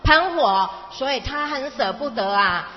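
A woman's voice: high voice, expressive, a little slow. A woman teacher telling a story and explaining it to young children in simple words, with emphatic repetition and questions, as if to little ones. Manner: simple, question-and-answer talk as to small children; emphatic, repeats key words. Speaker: Buddhist teacher (dharma master) of a children's class. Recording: echoey hall, dull muffled sound, music.

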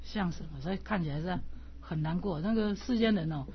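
An older woman from Taiwan, a lay Buddhist teacher, telling animated stories in a casual way and laughing often. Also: on the low side, fairly quick, a little hiss or hum. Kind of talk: casual storytelling talk. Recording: dull lo-fi recording.

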